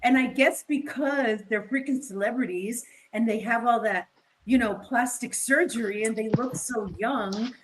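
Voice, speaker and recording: A woman co-hosting a podcast, chatting casually in a loose, animated way with frequent restarts and swearing. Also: fairly high pitch, unhurried, a little hiss or hum, poor audio. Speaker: podcast co-host. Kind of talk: casual chat.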